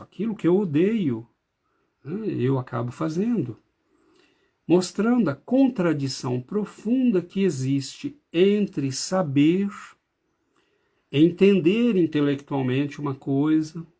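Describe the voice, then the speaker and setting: A man giving a reflective spiritist lecture, pausing often and hesitating as he speaks. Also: mid-range voice, gravelly, darkish tone, breathy edge. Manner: slow, reflective, with frequent hesitations. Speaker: spiritist study group speaker.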